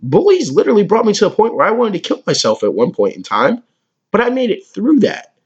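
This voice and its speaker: A man ranting crudely and mockingly as a comedy podcast host, with a husky voice. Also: high-pitched, wildly swooping pitch, fairly quick. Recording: dull lo-fi recording.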